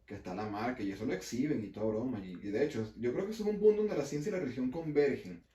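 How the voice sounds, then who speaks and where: A man with a Venezuelan accent talking on a casual podcast, halting and often repeating words. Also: mid-range voice, expressive, dark tone, reverberant. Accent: Venezuelan Spanish. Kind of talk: casual opinion podcast chat.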